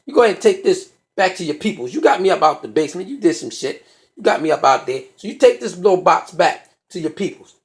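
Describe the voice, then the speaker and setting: A man's voice: high-pitched, very animated, quick pace. A man voicing his smug know-it-all friend, lecturing in profane street slang. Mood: confiding.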